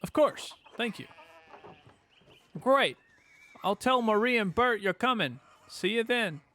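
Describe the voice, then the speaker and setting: A man putting on a chirpy joking printer. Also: lively intonation. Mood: teasing. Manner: high, bantering, slow drawn-out delivery. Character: cheery joking male printer, townsman. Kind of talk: reading game dialogue aloud.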